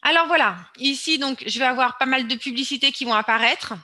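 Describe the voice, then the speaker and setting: Woman, high and bright, webinar host demoing her screen, pushes hard and repeats herself. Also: brisk, dry recording. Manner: insistent, repeats words for emphasis. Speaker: webinar presenter. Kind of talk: online webinar with screen-share demo.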